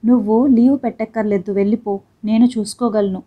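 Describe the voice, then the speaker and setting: A woman reading the part of an elderly, ailing father-in-law who speaks softly and wearily. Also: on the high side, steady tone, fairly quick, highs cut off, lightly acted. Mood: weary. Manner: soft, tired pleading.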